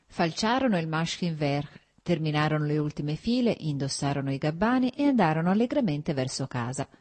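A woman narrating a classic novel as an audiobook in a steady, measured reading. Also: low-pitched. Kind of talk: scripted narration.

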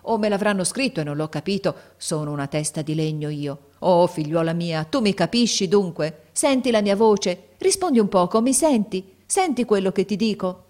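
A woman's voice: fairly low pitch, expressive, moderate pace, lightly acted. A woman reading a story aloud, voicing an emotional, anxious father, a gardener who keeps exclaiming. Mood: bewildered. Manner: emotional, exclaiming, rising to near shouts. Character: anxious, overjoyed working-class father, a gardener.

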